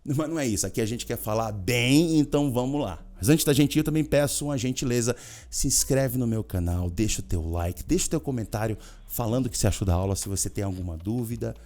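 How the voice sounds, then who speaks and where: A man teaching an energetic video lesson, chatting with viewers and drilling pronunciation aloud. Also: medium pitch, quick pace. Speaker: English teacher.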